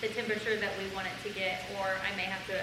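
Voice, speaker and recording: The host of a family vlog chats casually and enthusiastically, explaining things to her viewers at a rapid-fire clip. Her mid-range voice stays fairly flat in pitch, and the room echoes with faint background noise.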